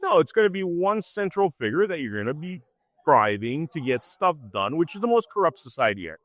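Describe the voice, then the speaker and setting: A man's voice: a little high, brisk, dry recording. A man hosting an interview, chatting casually and agreeably and often chiming in with short replies. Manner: lively, agreeable, frequent back-channel. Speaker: interview host.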